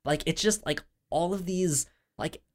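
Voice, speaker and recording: A man with a fairly high voice talks a little slowly as he co-hosts a podcast, swapping casual stories. Initial sounds of words trip him up in stutters, and he acts out the dialogue in his tales.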